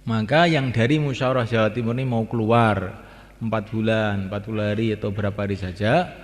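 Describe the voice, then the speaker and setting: A man's voice: fairly low pitch, steady tone, fairly quick. Emphatic man preaching in a hall. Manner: repetitive and emphatic, with swings in loudness. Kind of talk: sermon to a gathering. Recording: echoey hall with long reverb.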